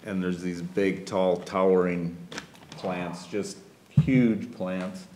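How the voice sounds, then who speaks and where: A man's voice: low-pitched, steady tone, slow pace, mellow, a little hiss or hum. A man on a watershed board giving a rambling, hesitant report at a meeting.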